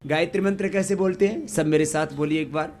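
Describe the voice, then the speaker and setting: A man teaching a yoga class, leading slow chants and having the group repeat after him. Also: on the high side, steady tone, a little mellow. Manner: slow, drawn-out chanting and call-and-response teaching. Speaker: yoga instructor.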